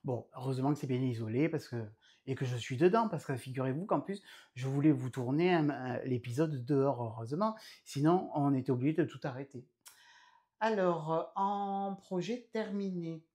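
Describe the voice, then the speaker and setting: Male podcast host with a mellow voice, talking casually and loosely indoors at home. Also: medium pitch, lively intonation, brisk, husky. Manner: chatty and rambling, with frequent hesitations. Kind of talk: casual chat.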